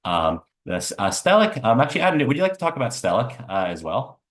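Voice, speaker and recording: A man's voice: medium pitch, very animated, fairly quick, a bit bright. A man on the computer science faculty giving an online information session, talking with many fillers and restarts. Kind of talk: online info session presentation. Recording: roomy echo.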